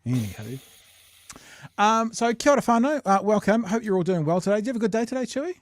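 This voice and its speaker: A middle-aged New Zealand man hosts a casual live chat show podcast, joking, rambling, and using slang. His voice sits high with a sing-song quality, he talks fast, and there's no echo.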